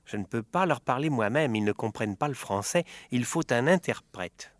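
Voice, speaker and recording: A man voicing a calm, friendly male shopkeeper in a storybook reading. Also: mid-range voice, normal speed, dry recording, lightly acted. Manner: calm, reassuring.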